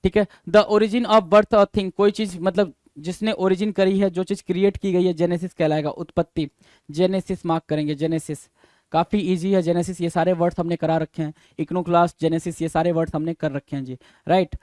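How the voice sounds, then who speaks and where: A man teaching an exam-prep vocabulary lesson, who reads definitions slowly, then explains in quick asides and spells words letter by letter. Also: high voice, fairly even intonation, a little mellow, no room sound. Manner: addresses listeners as "bhai".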